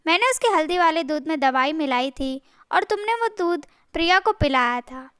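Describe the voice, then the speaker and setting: A woman's voice: sits high, lively intonation, moderate pace, a bit bright, no room sound, studio quality. A woman voicing a cruel, scheming man in a family story, cold and threatening. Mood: menacing. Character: scheming cruel man, elder brother-in-law.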